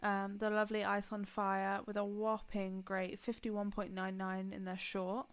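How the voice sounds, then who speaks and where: A woman co-hosting a podcast in casual chat, jokey and quick to read out scores. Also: medium pitch, completely flat delivery, clean tone. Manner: chatty, jokey, reads out scores. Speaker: podcast co-host.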